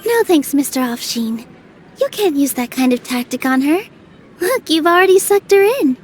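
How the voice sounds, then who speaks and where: Sweet young dancer, high gentle voice, eager, faint game music. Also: female voice, lively intonation, moderate pace. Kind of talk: video game voice acting. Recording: studio voice over game music.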